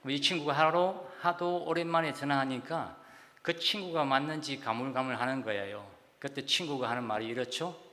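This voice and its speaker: A middle-aged man from Gyeongsang with a Gyeongsang accent, preaching a sermon in a church and chatting warmly, often saying "ye" between phrases. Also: mid-range voice, moderate pace. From South Gyeongsang, Korea. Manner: warm, chatty preaching with frequent "ye" fillers. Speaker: pastor. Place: church sanctuary. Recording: long hall reverb.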